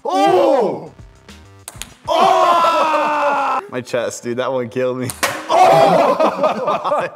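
A young man and show regular, reacting with loud exclamations and laughter during silly games. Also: medium pitch, huge pitch swings, a little slow. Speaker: regular cast member. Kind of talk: goofy casual banter during games. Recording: loud music over the voice. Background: loud background music.

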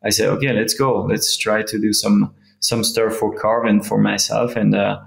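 A man, a skier answering interview questions over a video call, halting with many fillers and restarts. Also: on the low side, little pitch movement, creaky. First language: French. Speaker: guest, freeride skier. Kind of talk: casual interview. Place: indoor room, remote video call. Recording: echoey room sound.

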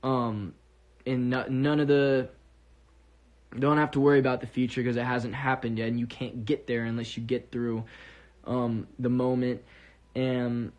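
A man's voice: medium pitch, flat delivery, a little slow, lo-fi sound. Earnest rambling man on a phone livestream. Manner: earnest, rambling with many restarts. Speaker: musician talking to fans. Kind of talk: casual livestream monologue.

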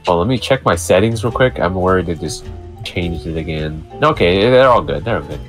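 Brief: young male gamer, low voice, easygoing chatter. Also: lively intonation, fairly quick, soft background music. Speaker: guest player. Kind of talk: casual let's-play chat.

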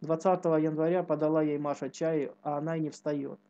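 A narrator reading a religious tale aloud in a slow, measured way. The voice is dark and mellow. The sound is dull and lo-fi. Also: mid-range voice, flat delivery.

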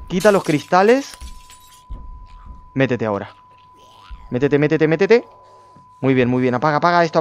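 A male streamer giving excitable gameplay commentary, talking to his viewers and to himself. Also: a little high, muffled recording.

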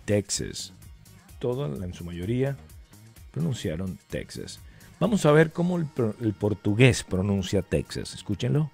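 A male radio announcer giving a casual explainer, animated and full of rhetorical questions. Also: on the low side, normal speed, vocal fry, husky, faint music behind.

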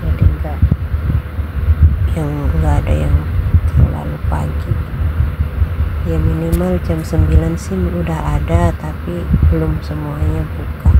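Low-voiced woman vlogging in a noisy mall. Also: expressive, unhurried, long pauses. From Indonesia. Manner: chatty, addresses viewers as friends. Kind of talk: casual vlog narration. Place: busy shopping mall. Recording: loud mall background noise.

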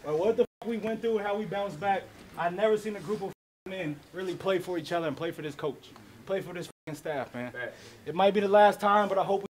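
A man's voice: sits high, fast, darkish tone, slight background noise, rough recording. A young man, a football player, makes an earnest, emphatic, slangy impromptu pep speech to his teammates. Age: young adult. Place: indoor team locker room. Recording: crowded locker room with players around.

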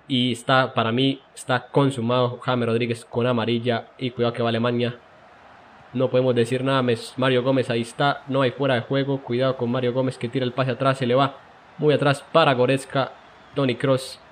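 A man doing excited, jokey play-by-play commentary over his own video game match, with emotional exclamations. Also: medium pitch, slight background noise. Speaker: gaming commentator.

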